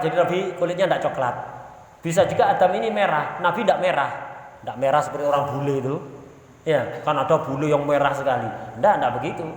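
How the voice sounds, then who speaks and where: A male religious teacher, giving a conversational sermon-style lesson and asking and answering his own questions. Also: medium pitch. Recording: echoey hall with long reverb.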